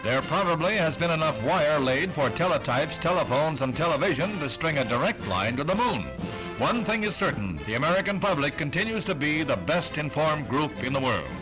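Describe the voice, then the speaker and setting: A man narrating a 1960s newsreel in a brisk, formal announcer manner. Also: fairly high pitch, animated, poor audio. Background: music under the narration.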